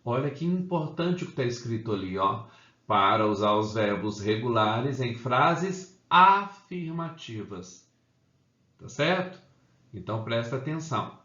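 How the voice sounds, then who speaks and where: Slow, patient man teaching grammar. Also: medium pitch, expressive, bright, forceful tone, echoey room, lo-fi sound. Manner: slow, repeats "tá?" and "ok?" to check understanding. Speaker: English teacher. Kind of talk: Portuguese-language grammar lesson.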